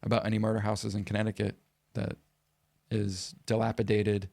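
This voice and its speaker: A man co-hosting a podcast in casual chat, talking in halting, rambling stretches with many restarts. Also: lowish voice, level tone, vocal fry, darkish tone, no echo. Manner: rambling, halting, repeats words. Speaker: podcast co-host.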